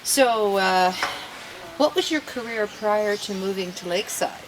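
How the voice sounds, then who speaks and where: A woman's voice: mid-range voice, measured pace. A woman in her sixties conducting a conversational oral history interview. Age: 60s. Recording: noisy recording with ambient sound.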